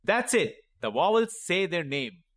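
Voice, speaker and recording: A man leads a children's phonics lesson, his fairly high voice rising and falling in a lively, sing-song way. He takes his time, sounding out each letter and word clearly while cheering on young learners, all recorded dry and close with no room sound. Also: measured pace, no room sound. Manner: encouraging, addresses young children directly. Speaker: teacher.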